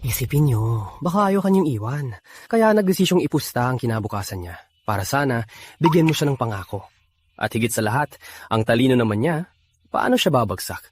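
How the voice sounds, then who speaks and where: An actor dubbing an earnest male colleague who calmly reasons in a drama. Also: medium pitch, fairly quick, slightly rough, dry recording. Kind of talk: dubbed drama acting.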